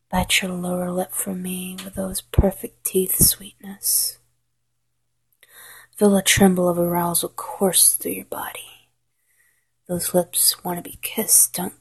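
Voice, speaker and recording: Woman, soft intimate whisper, very breathy, even flat tone, slow coaxing delivery. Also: lowish voice. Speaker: hypnosis narrator. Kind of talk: whispered guided hypnosis roleplay.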